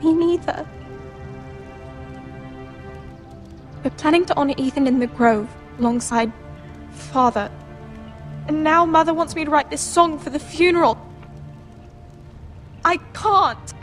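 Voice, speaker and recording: A woman's voice: high-pitched, normal speed, pauses often, faint music behind, close to an everyday voice. A woman playing a tender, emotional teenage noble girl in grief, in a dramatic fantasy video game. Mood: sorrowful. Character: tender, grieving teenage noble girl, wounded lord's sister.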